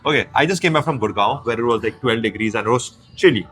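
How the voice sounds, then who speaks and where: A man's voice: mid-range voice, expressive, fast, fairly bright tone. A man with an Indian English accent hosting a casual beer review, joking and slipping into Hindi phrases, recorded at a brewery taproom.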